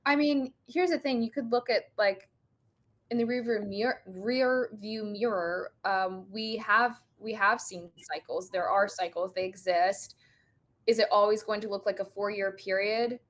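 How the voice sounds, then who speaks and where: A woman guest on a casual livestream chat, speaking thoughtfully with many pauses and restarts. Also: mid-range voice, fairly even intonation.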